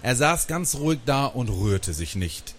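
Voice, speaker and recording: A man reading a children's book aloud with expressive storytelling. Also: medium pitch, measured pace, slight background noise. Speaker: reader.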